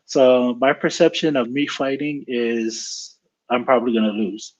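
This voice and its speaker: A man casually telling a story to a host, acting out his own reactions with animated quoted lines. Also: mid-range voice, a little slow. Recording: slightly dull, lo-fi sound.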